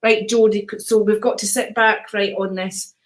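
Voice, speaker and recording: Hosting a live card-reading stream, an older Scottish woman chats easily with viewers, calling them darling and sweetheart. Her calm, soothing voice sits at a medium pitch and moves at a moderate pace.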